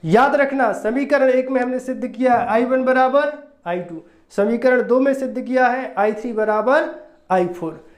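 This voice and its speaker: A physics teacher giving a recorded lecture, repeating each step and asking quick rhetorical questions to check understanding. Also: mid-range voice, a little mellow. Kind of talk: recorded classroom-style lecture. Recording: roomy echo.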